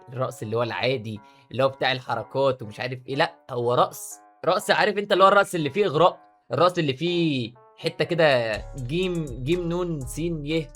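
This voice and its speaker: Egyptian guy vlogging, super fast excitable talk, slightly high voice. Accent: Egyptian Arabic. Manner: excitable, rapid-fire talk. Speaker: YouTuber. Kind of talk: casual commentary vlog.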